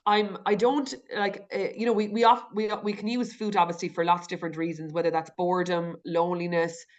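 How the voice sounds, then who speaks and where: A woman's voice: on the low side, steady tone, fairly quick, muffled recording. A woman with an Irish accent, a podcast guest talking candidly and reflectively, with frequent restarts and fillers. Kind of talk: candid conversational interview.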